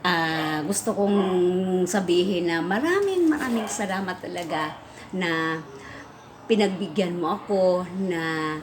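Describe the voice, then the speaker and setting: A woman's voice: measured pace, background noise. A middle-aged woman with a Visayan accent, a preschool teacher telling a story in a casual vlog, chatty with many fillers. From Visayas, Philippines. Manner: chatty, many fillers, rises in pitch when excited.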